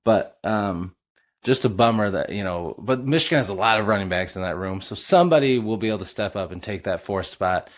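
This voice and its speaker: Middle-aged male sports podcast host, low voice, keen fan, loose delivery full of uhs. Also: brisk. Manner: enthusiastic fan, many filler uhs. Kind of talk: casual sports commentary.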